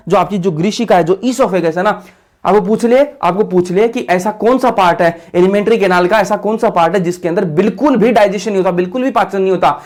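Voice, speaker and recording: A man's voice: high-pitched, darkish tone. A man teaching biology for an exam. He asks a question, then repeats the answer, and drills the class with call-and-response questions. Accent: Hindi-speaking north Indian. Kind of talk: exam-prep lecture over a diagram.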